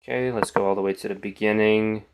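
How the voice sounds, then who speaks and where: A man's voice: on the low side, fairly even intonation, quick pace, noisy background. A tired young man with a morning voice, thinking aloud as he streams chess and trails off into mumbles. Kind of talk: casual live-stream commentary.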